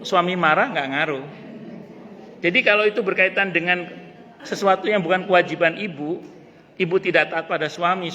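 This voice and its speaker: A man a tinge gives a casual religious lecture, lively and joking. His voice is bright and a little high. A long reverb from the mosque hall trails behind him. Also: muffled recording. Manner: lively, joking asides, repeats key phrases. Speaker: ustadz teaching a mosque study group.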